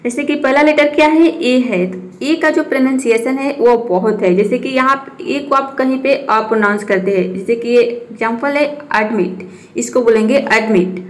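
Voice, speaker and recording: A woman teaching a spoken English lesson. She asks her students questions and answers them herself, and she slows down to spell out each example word. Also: a little high.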